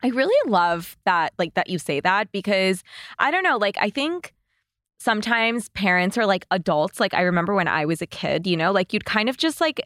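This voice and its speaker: A woman's voice: mid-range voice, big pitch swings, normal speed, a bit bright, dry recording, clean studio sound. A woman hosting a podcast interview, who asks her questions casually, with lots of fillers and eager agreement. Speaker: podcast host.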